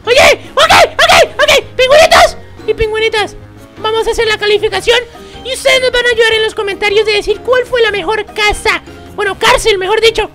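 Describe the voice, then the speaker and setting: A performer voicing a hyper little boy youtuber who teases and yells during Minecraft gameplay banter. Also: very high voice, brisk, music in the background. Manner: shrieky, teasing, yells often.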